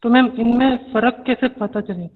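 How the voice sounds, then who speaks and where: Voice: mid-range voice, normal speed. A student asking a teacher questions during an online class, hesitant and repeating the point. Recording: tinny phone-like line with long reverb.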